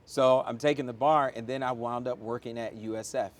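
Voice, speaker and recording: This middle-aged American, an airport chief executive being interviewed, speaks a little fast at medium pitch with fairly even intonation. He answers conversationally, emphatic and motivational in tone, and tells stories to give examples.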